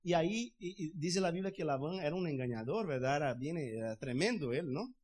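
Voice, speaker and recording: High-voiced fervent male preacher. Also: animated, fairly quick, a little mellow. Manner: fervent, loose and conversational, often asks "¿verdad?". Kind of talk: sermon. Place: church in the United States.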